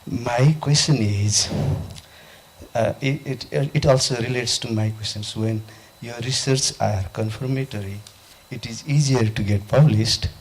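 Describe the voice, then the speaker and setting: A man from Nepal in an audience, asking a panel a question at a conference, halting and repeating himself. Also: medium pitch, husky. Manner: halting, repeats his question, frequent restarts. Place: conference hall.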